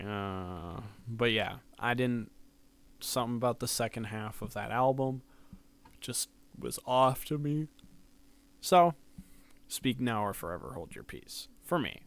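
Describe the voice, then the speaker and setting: A man's voice: medium pitch, fairly bright tone, smooth. A man casually reviewing rap albums, sleepy and yawning late at night, rambling with many ums on a close mic. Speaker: music reviewer. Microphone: close mic that can peak.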